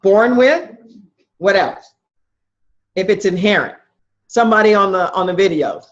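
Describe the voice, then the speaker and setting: A woman's voice: mid-range voice, measured pace, muffled recording. A woman minister teaching a class, emphatic, posing questions to her listeners and repeating their answers back. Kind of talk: interactive spiritual lecture.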